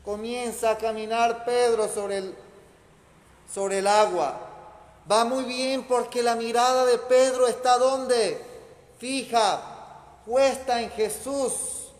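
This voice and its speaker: A man's voice: very high voice, fairly even intonation, takes it slowly. Male priest, emphatic homily, long church reverb. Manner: emphatic, repeats key phrases. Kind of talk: homily at mass.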